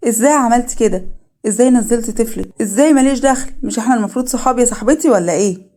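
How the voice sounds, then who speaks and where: Woman doing a caring friend who scolds, egyptian accent, mellow voice, rapid. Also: a little high, voice pushed up, natural voice. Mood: reproachful. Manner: reproachful, emphatic questions.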